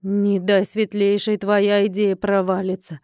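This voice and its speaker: A woman's voice: mid-range voice, steady tone, normal speed, a little mellow, clear, resonant tone, no echo, close to an everyday voice. Stingy middle-aged innkeeper woman, grumbling and indignant, voiced by the female narrator; dry studio read. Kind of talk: audiobook character voice.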